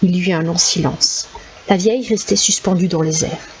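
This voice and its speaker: A woman narrates a storybook in a calm, measured way, her voice sitting slightly low. The recording is a bit dull, with a faint hiss in the background. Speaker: audiobook narrator. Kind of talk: scripted narration.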